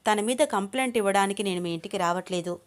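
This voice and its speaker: A woman's voice: mid-range voice, fast, close to an everyday voice. Woman voicing an earnest young man in love. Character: young man, worried lover.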